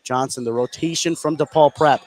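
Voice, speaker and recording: A man with a voice on the high side delivers live radio play-by-play of a basketball game at a moderate pace. His narration comes in running, conversational fragments, with ambient noise clearly present behind it.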